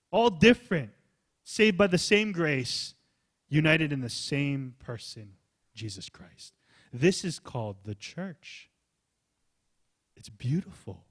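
Animated preacher man. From United States. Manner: animated preaching, swings from loud emphasis to soft low asides. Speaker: pastor. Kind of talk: sermon. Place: church hall.

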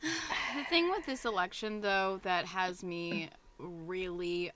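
A woman's voice: lowish voice, slow pace, crowd noise. A woman co-hosting a podcast in casual chat, swearing lightly and laughing often. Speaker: podcast co-host.

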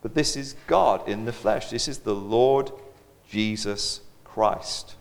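A man preaching a sermon as pastor, animated and dramatic, acting out the voices of the crowd as he goes. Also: fairly low pitch, slow, vocal fry. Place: church. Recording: long reverb of a church hall.

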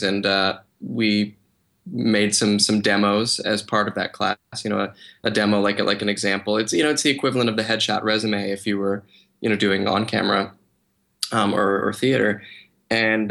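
A man, a guest voice actor, chatting in a podcast interview in a relaxed, hesitant way with many fillers. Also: on the low side, creaky. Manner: relaxed, hesitant, lots of "you know" and "uh".

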